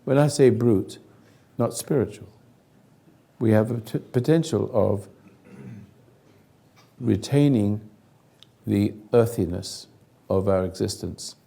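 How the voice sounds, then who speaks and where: Hoarse older man with a gargling rasp. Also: lowish voice, dark tone. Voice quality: gargling, raspy, failing voice. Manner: earnest, emphatic, halting phrases. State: hoarse, throat-clearing. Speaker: host leading a group conversation. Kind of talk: spoken counselling talk to a group.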